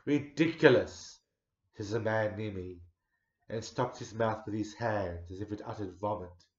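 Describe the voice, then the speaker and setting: A man in his forties giving a dramatic poetry recital, measured, swelling loud and sinking to a near hush. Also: on the low side, steady tone. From Australia. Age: 40s. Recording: roomy echo, dull lo-fi sound.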